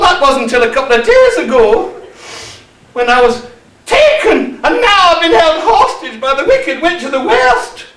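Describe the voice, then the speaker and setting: A man playing a cheeky pantomime dame cook, a bossy middle-aged woman with a put-on Scottish accent, teasing the audience on stage. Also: very high voice. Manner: brash, teasing, banters with the audience. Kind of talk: amateur pantomime stage acting. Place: village hall stage with live audience. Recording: echoey hall, far mic, audience noise.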